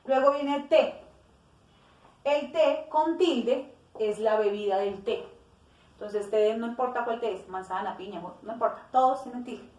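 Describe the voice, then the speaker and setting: A woman's voice: fairly high pitch, a little slow, a little mellow. A woman teacher explaining a grammar lesson step by step, correcting herself and acting out example phrases. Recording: roomy echo, distant from mic.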